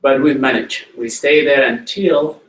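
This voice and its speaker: A middle-aged man from South Sudan, speaking English with a South Sudanese accent, giving a plain, slow storytelling talk to schoolchildren in a school library. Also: medium pitch, fairly even intonation. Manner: plain, slow-paced storytelling, addressing children directly. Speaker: guest speaker. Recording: roomy hall audio from a distance.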